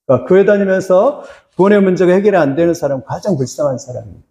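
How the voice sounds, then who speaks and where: A man's voice: sits high, rapid-fire, dark tone, roomy sound. A male pastor preaching a sermon, telling a story in an earnest tone and putting questions to the congregation.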